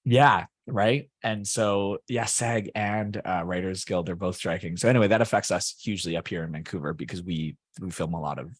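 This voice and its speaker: A man's voice: sits low, moderate pace, hardly any pauses, husky, no room sound, studio quality. A young man from Canada, chatting as an interview guest in a rambling way with many fillers and restarts. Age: young adult. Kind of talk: casual interview chat.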